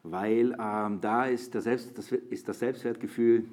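A man's voice: mid-range voice, steady tone, unhurried, a little mellow. A man teaching from the Bible to a group, talking informally with many restarts and fillers, then reading and stressing verses with rising intensity. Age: adult with a young daughter. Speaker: preacher.

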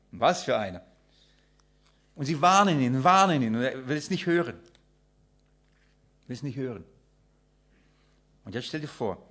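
A man preaching a sermon to his congregation, emphatic, often swinging between loud and soft and acting out the people he quotes. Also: medium pitch. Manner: emphatic, acts out quoted voices and shifts loudness often.

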